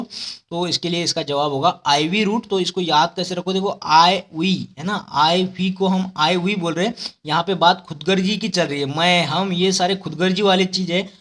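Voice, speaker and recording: A man's voice: sits high, a bit bright. A man teaching pharmacology for exams, explaining step by step with memory tricks and often checking in with his listeners. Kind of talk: exam-prep lecture with memory tricks.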